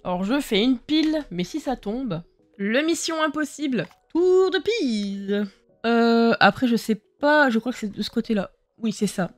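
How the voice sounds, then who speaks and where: A woman's voice: on the high side, expressive, moderate pace, no room sound. A tired young woman from France chatting casually about her retro game collection, laughing at herself and swearing now and then. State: tired after work. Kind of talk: casual vlog chat. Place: game room at home, indoors.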